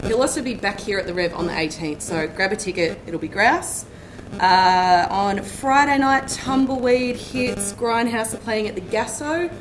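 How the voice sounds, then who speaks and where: An Australian woman co-hosts a live chat show from a pub, reading a long list of gigs at a rapid, breathless clip. Her voice sits at an ordinary middle pitch with a faint hum of the venue behind her. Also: poor audio. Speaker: co-host reading the gig guide.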